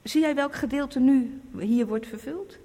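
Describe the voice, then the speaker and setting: A woman's voice: high-pitched, measured pace, mellow. A woman preaching a sermon, emphatic and repeating her warnings. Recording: echoey hall.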